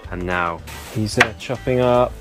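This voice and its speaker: A man's voice: lowish voice, measured pace. A young man giving a jokey, wry travel vlog commentary on a rainforest trip. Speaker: travel vlogger. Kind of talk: casual travel vlog narration. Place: outdoors in tropical rainforest. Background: music.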